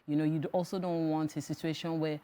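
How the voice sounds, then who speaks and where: A woman's voice: low voice, flat delivery, quick pace, warm tone. A woman with a Nigerian accent explaining things step by step as an expert guest in a studio interview. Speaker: financial firm executive, interview guest.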